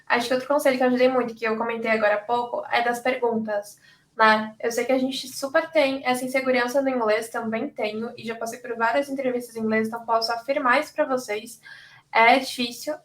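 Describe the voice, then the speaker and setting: A woman's voice: a little high, fairly even intonation, quick pace. A young woman from Brazil giving career advice on a panel, chatty and full of "sabe?" and "tipo".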